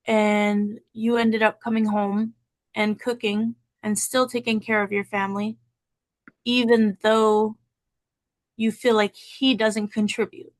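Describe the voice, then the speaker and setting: A woman as a counselor, calmly reflecting back what the client says. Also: medium pitch, slow, dry recording. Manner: calm, reflective, paraphrasing the client. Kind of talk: counseling session.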